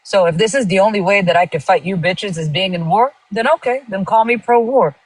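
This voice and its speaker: A woman's voice: mid-range voice, a little fast, no echo, poor audio. A woman from Israel, a guest on a live stream, arguing politics insistently and talking over others. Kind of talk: heated political debate.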